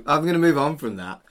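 A man's voice: on the high side, fairly bright tone. A middle-aged man, hosting a podcast in an informal, teasing, chatty way. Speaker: podcast host, funeral celebrant.

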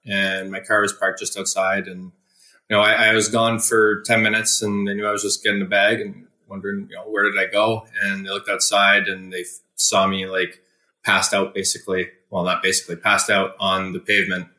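A young man, a hockey player from Ontario, telling his story in an interview in an earnest, measured way with many fillers. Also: fairly low pitch, flat delivery, bright, forceful tone, roomy sound. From Ontario, Canada. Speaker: guest, pro hockey player.

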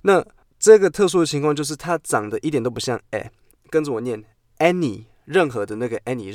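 A man teaching English pronunciation on a podcast, playful and repeating words slowly for drilling. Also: medium pitch, darkish tone, dry recording, clean studio sound. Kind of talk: podcast lesson. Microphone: podcast mic.

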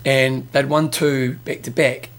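A man's voice: mid-range voice, level tone, a little slow. A man with a broad New Zealand accent co-hosting casual sports chat, slangy and matey, often chipping in with questions. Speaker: co-host of a triathlon show.

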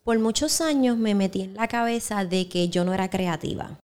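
A woman's voice: mid-range voice, moderate pace, a little mellow, clear, resonant tone. A woman hosting a casual interview, talking in a conversational way and often checking for agreement with tag questions. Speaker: interview host.

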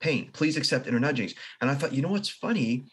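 Husky-voiced man telling a personal story. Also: medium pitch, lively intonation. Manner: earnest, halting, with restarts and soft laughs. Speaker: podcast guest. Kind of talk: reflective personal storytelling in an interview.

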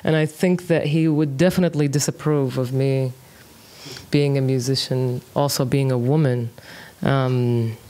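A relaxed woman in her thirties from Kuwait, a music producer, speaks as a guest in a conversational interview. Her voice is very deep and her delivery stays easygoing and unhurried. She thinks aloud, pausing on plenty of fillers.

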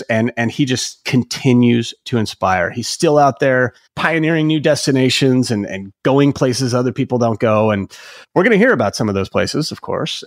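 With studio-quality, dry audio, a travel podcast host in a mid-range male voice eagerly presents his guest and puts questions to them. He comes across as admiring and enthusiastic, occasionally restarting his sentences.

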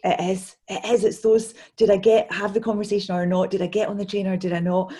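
A woman in a casual conversation, reflective and quick to agree with her guest. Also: medium pitch, flat delivery, dark tone. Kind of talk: casual chat.

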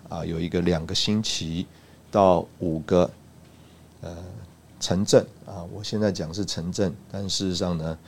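A man from Taiwan recounting a personal church testimony, halting, with frequent "uh" and "ah" fillers. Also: sits low, a little mellow, slight background noise. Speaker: church speaker giving a testimony.

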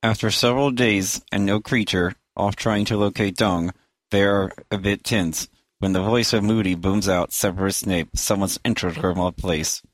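A man in a casual podcast, putting on a calm male computer voice as he recaps a book chapter in a flat, even recital. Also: on the low side, normal speed, hardly any pauses, no room sound, close to an everyday voice, poor audio. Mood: flat robotic. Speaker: podcast co-host.

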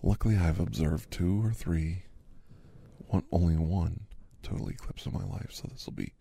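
A man's voice: low voice, normal speed, creaky, dark tone, husky, full character voice. A man doing a whispered role-play as a chatty doctor in his fifties who gives a massage, rambling easily in a half-whispered voice. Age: 50s. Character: chatty fifty-something male doctor giving a massage. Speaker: ASMR host.

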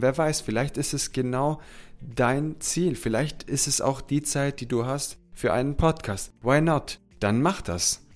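A man hosting a solo podcast, encouraging and speaking straight to the listener. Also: mid-range voice. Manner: encouraging, addresses listener directly. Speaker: podcast host. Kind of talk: solo podcast monologue giving tips.

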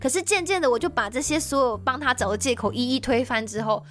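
A woman's voice: high voice, fast, a bit bright, faint music behind. A woman with a Taiwanese Mandarin accent telling a personal story on a podcast, emotional and intense.

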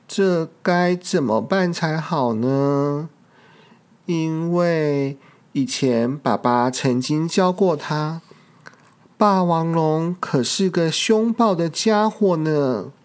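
A storyteller reading a picture book aloud for small children, gentle and expressive. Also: mid-range voice.

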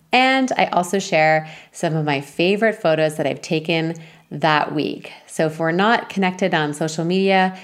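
A woman hosting a podcast, speaking in an encouraging, reflective way to her guest and listeners. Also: low voice. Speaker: podcast host. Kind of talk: podcast interview.

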